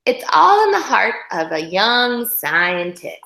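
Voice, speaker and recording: A woman's voice: medium pitch, gravelly. A woman reading a children's picture book aloud expressively, acting out moments and adding her own little comments. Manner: animated, dramatizes characters and pauses to comment. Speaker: children's story reader. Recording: echoey room.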